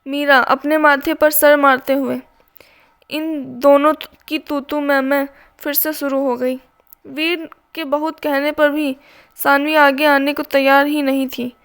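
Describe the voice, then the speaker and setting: Slow, high-voiced woman storyteller. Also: level tone, fairly bright tone. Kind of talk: scripted story narration.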